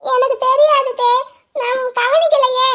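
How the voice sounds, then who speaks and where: A woman voicing a naive young girl bride in a cartoon, chattering in a shrill, breathless way. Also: steady tone, unhurried, fairly bright tone, muffled recording. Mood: earnest. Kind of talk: cartoon voice acting.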